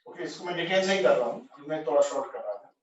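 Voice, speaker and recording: High-voiced male teacher in an echoey room. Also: expressive, quick pace. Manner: thinks aloud, self-correcting, asks the class. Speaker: physics teacher. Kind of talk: explaining at a whiteboard. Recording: echoey, distant, dull lo-fi room sound.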